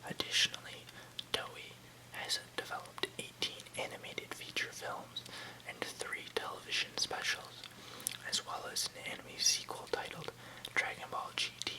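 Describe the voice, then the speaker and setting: An ASMR host whispers throughout, soft and hushed at an unhurried pace, never using voiced speech. She shifts between casual remarks and carefully reading written text, and the recording quality is low.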